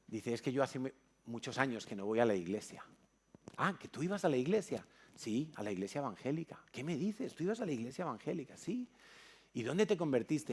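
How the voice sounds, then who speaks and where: A man's voice: mid-range voice, slightly rough. A man from Spain preaching in church, telling a story with acted-out dialogue. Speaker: pastor. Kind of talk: sermon.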